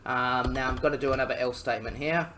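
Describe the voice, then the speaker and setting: A young Australian man, a student, talking through a coding tutorial in a halting, casual way, full of ums and jokey asides. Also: medium pitch, steady tone, fairly bright tone, slight background noise. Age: young adult.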